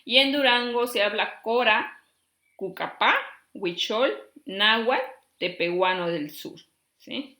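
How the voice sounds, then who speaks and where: A woman from Chiapas, Mexico, teaching a class and reading out long lists slowly, checking in with her students as she goes. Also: fairly high pitch, bright, forceful tone. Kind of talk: classroom lesson. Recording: echoey room.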